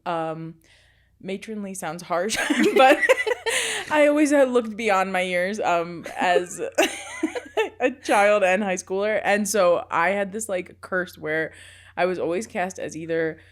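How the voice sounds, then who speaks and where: A woman's voice: mid-range voice, animated, slow. A young adult woman co-hosting a podcast in casual chat, who laughs often and bursts into quoted voices. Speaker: podcast co-host.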